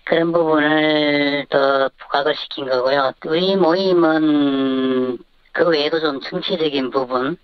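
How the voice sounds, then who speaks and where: An anonymous radio interview guest whose voice is disguised with a voice changer, giving halting, measured, careful answers. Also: mid-range voice, fairly even intonation, smooth, dry recording. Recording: dull lo-fi disguised line.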